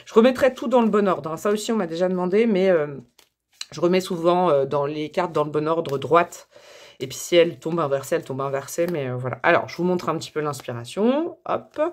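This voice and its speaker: A woman's voice: lowish voice, animated, brisk, a little mellow. A French woman talking casually to her viewers while drawing tarot cards, chatty and full of fillers and self-corrections. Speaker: tarot reader and channel host. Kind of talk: casual tarot reading to camera.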